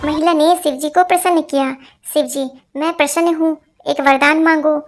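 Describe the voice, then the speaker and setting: Lady reading out jokes, high pitched, same voice for everyone. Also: moderate pace. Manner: reads every part in one even voice. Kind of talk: scripted joke reading.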